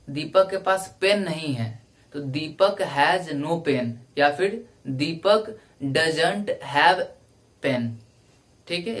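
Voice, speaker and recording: A male English teacher giving a classroom lecture, explaining grammar rules step by step and repeating each example slowly. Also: fairly high pitch. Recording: echoey room, voice from a distance.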